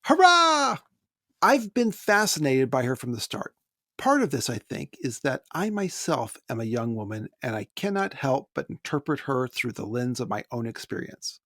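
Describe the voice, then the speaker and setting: A man's voice: medium pitch, lively intonation, moderate pace, a bit bright, no echo. Male American podcast co-host, casual chat, dry close-miked sound, wry asides between read-out emails. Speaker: podcast co-host reading listener mail. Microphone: close podcast microphone.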